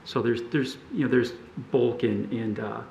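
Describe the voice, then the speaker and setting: A man on a city zoning board asking questions and discussing a case, thoughtful and halting, often restarting his sentences. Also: medium pitch, steady tone, creaky, darkish tone, reverberant, dull audio, slight background noise.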